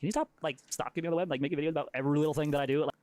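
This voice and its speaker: A man's voice: fairly high pitch, fairly even intonation, racing, a little mellow, no room sound. A man chatting casually as a streamer, in a rambling, conversational way. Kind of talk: casual chat.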